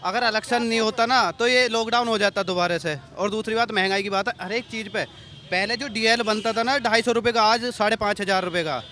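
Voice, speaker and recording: A man's voice: high-pitched, brisk, pushed and bright. A man in a street interview criticises rising costs and explains his points one by one. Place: outdoors on a busy street.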